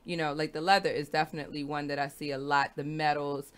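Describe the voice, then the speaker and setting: A woman's voice: deep voice, level tone, quick pace, a bit bright. Frank, profane woman radio host. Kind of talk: casual radio talk.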